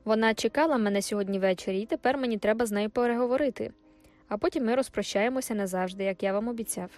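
A woman's voice: fairly high pitch, fast talker, darkish tone, soft background music, close to an everyday voice. Woman doing a cocky mocking young sergeant. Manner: mocking, offhand. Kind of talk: audiobook character voice.

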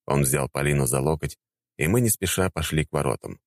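Deep-voiced man reading an audiobook. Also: fairly quick. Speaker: audiobook narrator. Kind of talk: audiobook narration.

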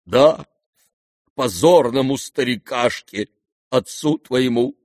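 A man's voice: medium pitch, takes it slowly, darkish tone, dry recording, clean studio sound, natural voice. A man voicing an old disgraced general in an audiobook, rambling and sentimental, given to theatrical outbursts. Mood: grandiose. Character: old drunken disgraced male general, maudlin and boastful. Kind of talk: audiobook character reading.

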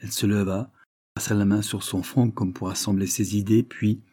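A man reading a classic novel aloud in a measured, literary narration. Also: fairly low pitch, steady tone, mellow, no echo, studio quality. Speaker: audiobook reader.

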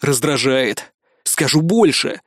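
A man voicing a defiant, foul-mouthed young man in an audiobook, snarling and sarcastic. The voice runs a little high for a man and sits dry and close. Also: lively intonation, normal speed, no echo, close to an everyday voice. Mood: angry.

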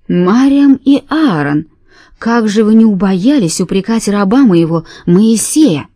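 A stern male God booms out slow, commanding verdicts, voiced by a woman reading a storybook. The tone is mellow and warm. The sound is dry and close. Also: animated, dry recording. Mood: wrathful.

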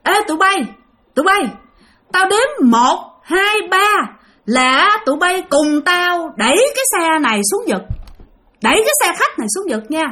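A woman's voice: very high-pitched, very animated, normal speed, sharp tone, voice pushed up, exaggerated voice. A woman voicing a bossy male ghost who urges his gang to push a bus off a cliff. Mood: urgent commanding. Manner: urgent, bossy, commanding.

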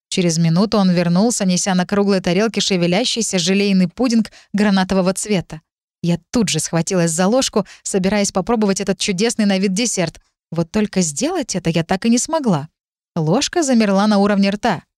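A woman's voice: medium pitch, animated, fairly quick, darkish tone, no room sound. Woman narrating an audiobook, dry sound. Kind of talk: first-person audiobook narration.

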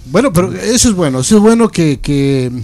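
A man hosting a casual metal radio interview, relaxed and chatty, laughing easily. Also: high voice, brisk. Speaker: radio show host.

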